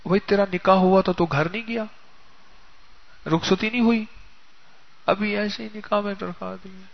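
A man's voice: high-pitched, creaky. A male preacher telling a story in a sermon, speaking straight to his listeners. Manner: animated, addresses listeners directly. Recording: dull lo-fi recording.

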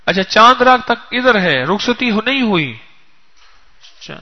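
A male preacher telling a story in a sermon, speaking straight to his listeners. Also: high-pitched. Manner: animated, addresses listeners directly. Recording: dull lo-fi recording.

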